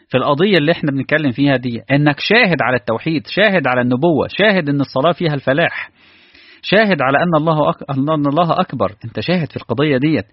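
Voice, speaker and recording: Fast-talking Egyptian preacher. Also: male voice, medium pitch, slightly rough, no room sound. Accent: Egyptian Arabic. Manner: animated, asks the listeners rhetorical questions. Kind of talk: sermon. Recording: dull, lo-fi dry recording.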